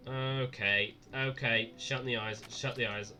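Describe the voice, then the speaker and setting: Scared, jumpy man streaming horror games, bright voice. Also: mid-range voice, steady tone, takes it slowly, soft background music. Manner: dry sarcasm; sweary. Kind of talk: live horror game commentary.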